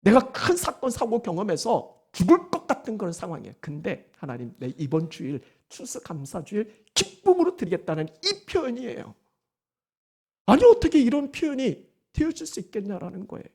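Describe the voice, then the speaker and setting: A woman pastor giving a Sunday sermon, animated and firing rhetorical questions at the congregation. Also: mid-range voice, brisk, husky.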